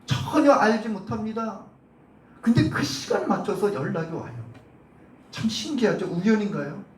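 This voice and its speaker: A high-voiced male pastor delivers an animated Sunday sermon, acting out the shouts of the crowd and putting questions to his congregation. The sound is roomy and comes from a mic some way off in the church, with a faint hum behind him. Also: normal speed, recorded from a distance. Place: church sanctuary.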